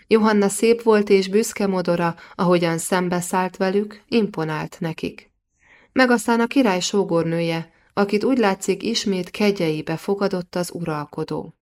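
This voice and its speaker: A woman narrating a historical novel as an audiobook, reading in a measured, even way. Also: medium pitch. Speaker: audiobook reader.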